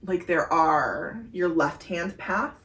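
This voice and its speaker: A woman's voice: on the low side, animated, slow pace, fairly bright tone, distant mic. A woman co-hosting a podcast, earnestly explaining breathing exercises in casual chat with many fillers. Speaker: podcast co-host. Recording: echoey room heard from afar.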